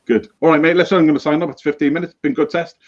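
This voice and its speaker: Heard off-screen over a remote feed, a male show host chats upbeat and casual on a live stream, calling people mate. His voice is on the high side and steady in tone, but he talks at a racing speed. The sound is lo-fi and dull.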